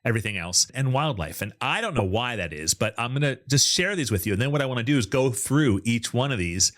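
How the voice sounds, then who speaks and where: Enthusiastic guy hosting a chill interview, pitch all over the place, chatty. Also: animated, quick pace, fairly bright tone. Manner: enthusiastic, chatty, data-minded. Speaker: host. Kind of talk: casual interview chat.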